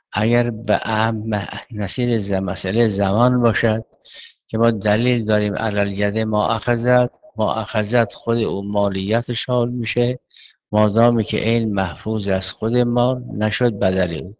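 A man lectures on Islamic jurisprudence in a measured, methodical way, raising questions and answering them himself. His voice sits low. The recording is dull and lo-fi. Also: fairly even intonation. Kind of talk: seminary lecture.

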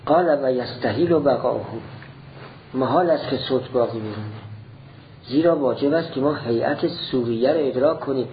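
A man teaching a classical philosophy text in a slow, deliberate lecture, repeating each point step by step. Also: medium pitch, muffled recording, a little hiss or hum.

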